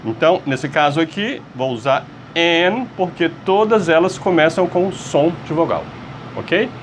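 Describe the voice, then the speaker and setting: Brazilian man, English teacher, slow and lively pitch, faint hum behind, keeps checking in with the class. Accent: Brazilian Portuguese. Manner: patient, repeats words and checks in with "tá?" and "ok?". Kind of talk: online language lesson.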